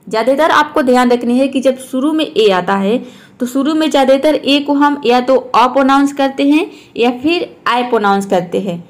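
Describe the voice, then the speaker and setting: A woman teacher explaining words and repeating each one slowly. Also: fairly high pitch. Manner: slow, repeats each word to show how it is said. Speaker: English teacher. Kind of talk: explaining lesson.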